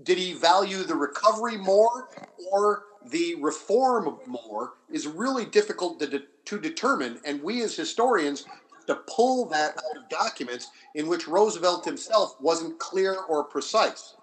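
This man's voice runs on the high side, expressive with a fairly bright tone, and the recording is rough. Talking off the cuff on a panel as a history scholar, he explains carefully, restarting haltingly and repeating phrases.

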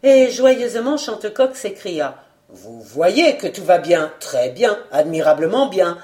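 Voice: mid-range voice, lively intonation, unhurried, darkish tone, lightly acted. Chantecoq, an assured fatherly detective, read aloud. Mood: cheerful. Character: famous French detective, shrewd, warm, confident. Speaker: detective in a novel. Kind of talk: audiobook character reading.

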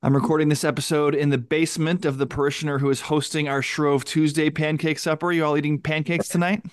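A man's voice: a little high, flat delivery, fast talker, clean tone, no room sound, clean studio sound. A man hosting a podcast as a pastor, orderly and articulate, moving between prepared introductions and casual talk. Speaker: podcast host and Anglican pastor. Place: basement.

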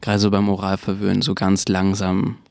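A man's voice: sits low, completely flat delivery, brisk, vocal fry, darkish tone, no room sound. A man in his twenties co-hosting a podcast, chatting casually and frankly, laughing often. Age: 20s. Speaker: podcast co-host.

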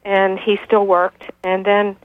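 A woman's voice: medium pitch, monotone, slow, no room sound. Older woman caller on a clipped phone line. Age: 60s. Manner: insistent, lecturing, with frequent hesitations. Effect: clipped telephone line. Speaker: radio show caller. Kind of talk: call-in radio talk.

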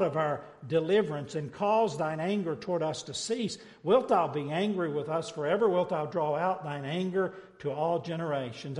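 A male pastor preaching a sermon with impassioned swings from loud to hushed, often repeating words as he starts a phrase. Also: fairly high pitch, big-room sound.

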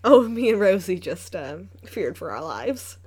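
A woman co-hosting a casual podcast at home, reacting quickly and chatting easily. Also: on the low side, sing-song, a little mellow, slightly rough. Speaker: podcast co-host. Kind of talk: casual chat. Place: at a table at home.

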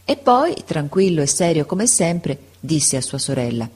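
Brief: female audiobook narrator, low husky voice, measured expressive reading. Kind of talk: audiobook narration of a classic story.

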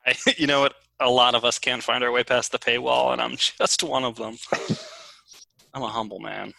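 A man's voice: medium pitch, fairly even intonation, moderate pace, vocal fry, sharp tone, no echo, low-quality recording. A man co-hosting a casual podcast, jokey and self-deprecating, laughing often. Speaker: podcast co-host.

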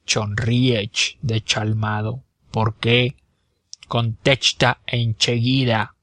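A man's voice: mid-range voice, level tone, very slow, a bit bright, no echo. A man voicing a flustered rich older notary with a head cold, who talks through his nose and turns his s sounds into sh. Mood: scolding. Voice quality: nasal, lisping s as sh. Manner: indignant, blustering.

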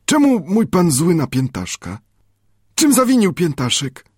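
A man doing a high, earnest young islander. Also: wildly swooping pitch, unhurried, slightly rough, no room sound, clean studio sound, exaggerated voice. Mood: pleading. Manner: pleading, simple broken phrasing. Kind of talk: audiobook character voice.

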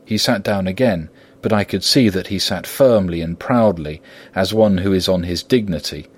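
A man narrating a gothic novel as an audiobook, in a calm, measured reading. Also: low-pitched, breathy edge. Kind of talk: scripted narration.

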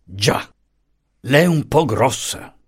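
A man plays a placid, dim-witted old bachelor uncle, using a deep, solemn, wheezy voice that's slightly rough. He talks slowly, pausing to search for words, in an animated and heavily acted performance.

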